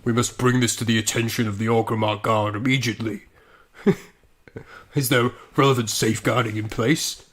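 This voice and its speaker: A man improvising as a solemn male orc warchief in a slow, grave way. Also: mid-range voice, fairly even intonation, fairly bright tone, natural voice.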